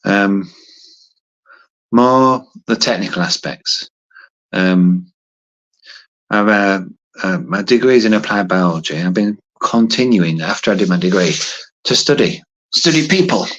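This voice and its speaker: A man in his fifties doing push-ups on a casual livestream recorded on a phone, chatting hesitantly and ramblingly to viewers in a slightly husky voice. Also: on the low side, expressive, measured pace, long pauses, a bit bright, highs cut off. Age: 50s. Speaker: livestream host. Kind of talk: casual live chat to viewers.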